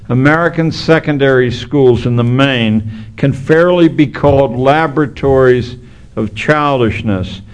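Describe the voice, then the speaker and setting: Man giving a lecture, slight lisp. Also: mid-range voice. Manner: hesitant starts, slight lisp from missing teeth. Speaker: keynote speaker. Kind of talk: public lecture.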